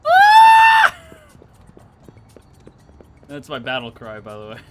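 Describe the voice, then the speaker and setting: Excitable giggly male streamer, wildly swinging pitch. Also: normal speed, over loud music. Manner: excitable, giggly, bursts into shouts. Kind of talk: casual gaming stream chat.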